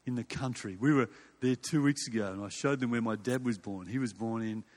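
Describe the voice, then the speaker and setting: An older man from Western Australia, speaking with an Australian accent in a mid-range, a little mellow voice, preaches a little fast. His sermon unfolds conversationally like a story, dotted with repetition and rhetorical questions. The setting sounds like a large hall or church, with plenty of reverb.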